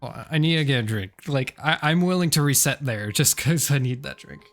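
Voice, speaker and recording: A man's voice: mid-range voice, expressive, a little fast, soft background music. A man with a slightly sore throat chatting casually on a gaming stream, rambling and correcting himself with many fillers.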